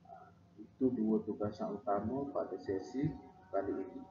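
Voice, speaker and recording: A man's voice: on the low side, moderate pace. A male primary school teacher with a Malaysian Malay accent, giving a recorded online lesson, repeating himself with frequent "ah" fillers. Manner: repetitive, frequent "ah" fillers, instructive. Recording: echoey, dull lo-fi, noisy.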